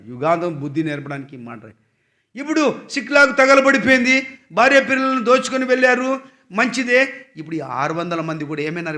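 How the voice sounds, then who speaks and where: A man preaching a Sunday sermon, reading scripture slowly and questioning the congregation, swinging from loud emphatic passages to quiet asides. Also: fairly high pitch. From Andhra Pradesh, India.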